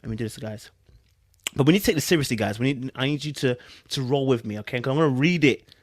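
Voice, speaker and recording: Speaking quickly in a mid-range voice, this podcast host uses London street slang and a casual, conversational tone to react to a celebrity's breakup statement. He repeats phrases for emphasis and sounds incredulous and fed up, recorded dry with clean studio sound.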